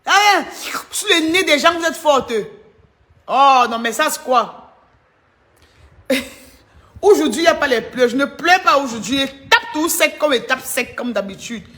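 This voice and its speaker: A woman's voice: sits high, lively intonation, unhurried, pauses often, a bit bright. A woman doing mocking gossip commentary on a live stream, teasing and laughing as she chats to viewers. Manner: teasing, laughing often, chatty asides to viewers.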